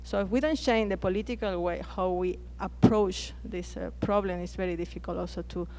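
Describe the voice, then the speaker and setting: A woman from Chile with a Chilean Spanish accent, speaking English as a second language on a conference panel, pausing often and restarting her phrases. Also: fairly low pitch, steady tone, mellow. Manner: hesitant, frequent restarts and fillers.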